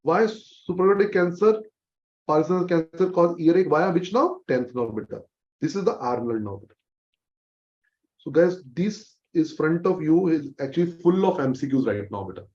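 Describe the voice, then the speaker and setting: A man's voice: a little high, lively intonation, normal speed, darkish tone, dull audio. A man with an Indian accent teaching a medical revision class, emphatically repeating key facts. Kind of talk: exam revision lecture.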